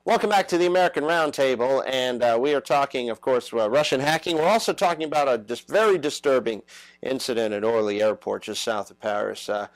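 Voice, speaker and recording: A man hosting a political talk show, his voice sitting in an ordinary middle register. He talks haltingly and fills gaps with "uh". The recording is dry and close, with no room sound. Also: mid-range voice, no room sound, rough recording. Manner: halting, many "uh" fillers.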